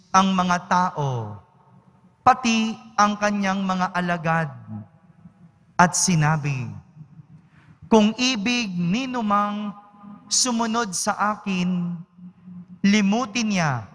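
A man, a priest, reading the gospel and preaching at Mass in a slow, measured, solemn way. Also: high-pitched, a bit bright. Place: large church. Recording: echoey church hall.

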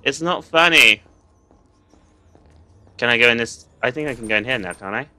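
A man's voice: medium pitch, moderate pace, sharp tone. A young man, nervously commenting and swearing while playing a horror game for viewers. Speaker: gaming video host.

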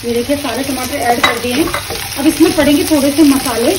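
A woman calmly explaining each step of a recipe while she cooks at her stove at home. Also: high-pitched, fairly quick, far from the mic, very noisy. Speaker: home cooking teacher. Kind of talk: step-by-step cooking instruction.

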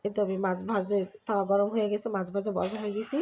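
A middle-aged Bangladeshi woman talks chattily to her viewers as she works in her home kitchen. She has a cold, so her voice stays soft and easy. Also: mid-range voice, little pitch movement, very fast. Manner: chatty, talks to viewers while doing chores. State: has a cold, speaks softly. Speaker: vlogger. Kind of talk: casual cooking and home vlog narration.

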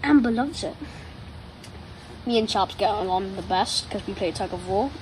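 On a patio chair outside, a nine-year-old young vlogger playfully and affectionately rambles to a pet dog in a medium-pitched voice at normal speed. Outdoor noise fills the recording.

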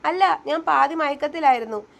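A woman voicing a feisty, sulky young wife in a spoken story, quick to bristle. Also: sits high, creaky.

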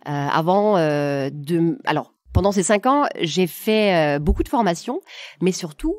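Podcast guest: woman, 50s, foreign German accent, lowish pitch, dry close recording, informal storytelling. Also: lively intonation, unhurried, darkish tone, dry recording. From southwest Germany. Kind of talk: casual interview storytelling.

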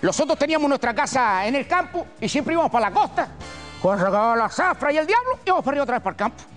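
A man's voice: very high-pitched, very fast, soft background music. An older man with a Canarian accent, a humorist telling a folksy comic story on a TV gala stage. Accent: Canarian Spanish. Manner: folksy, colloquial, animated.

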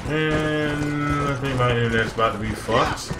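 A man's voice: mid-range voice, measured pace, far from the mic. A man giving casual, slangy, profane live commentary as he streams a video game. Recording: roomy sound with noisy game audio. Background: game gunfire and hoofbeats.

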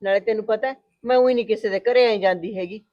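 An actress playing a middle-aged mistress of the house, firm but kindly, speaking in a matter-of-fact voice. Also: female voice, medium pitch, fast talker, muffled recording, close to an everyday voice. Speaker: mother-in-law of the house.

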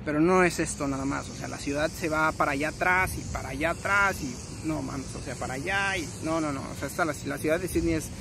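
A man's voice: fairly high pitch, brisk, vocal fry, few pauses. A young Mexican man vlogging to his phone in a city park, rambling in casual slang and correcting himself as he goes. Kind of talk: casual selfie vlog. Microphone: phone at arm's length. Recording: outdoor noise, passing traffic.

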